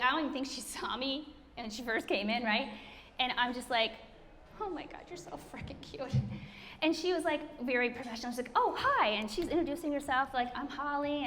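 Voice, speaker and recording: A woman's voice: a little high, a bit bright. A middle-aged woman telling a chatty, self-deprecating story to an audience, laughing often. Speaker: speaker introducing the founder. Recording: hall reverb, faint room noise.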